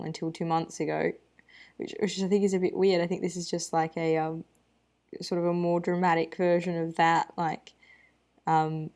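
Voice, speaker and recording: A young woman speaks into a computer webcam in a low voice. Her pitch barely moves. She tells her story haltingly, with many fillers, false starts and small nervous laughs. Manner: soft nervous laughs between phrases. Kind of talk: personal storytelling to camera.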